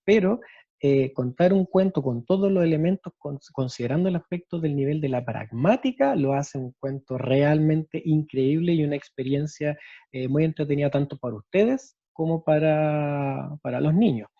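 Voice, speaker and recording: Chilean man, teacher, explanatory lecture, husky voice, dull lo-fi sound. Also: on the high side, moderate pace, no echo. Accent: Chilean Spanish. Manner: explanatory, peppered with "¿cierto?" tag questions. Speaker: special education teacher. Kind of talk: lecture on storytelling.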